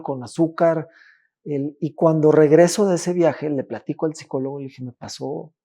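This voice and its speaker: A man, telling his own story as a podcast guest, halting, with restarts and repeated words. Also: a little high, dark tone. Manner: halting, with frequent restarts and repetitions. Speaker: interview guest. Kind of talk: personal testimony in a podcast interview.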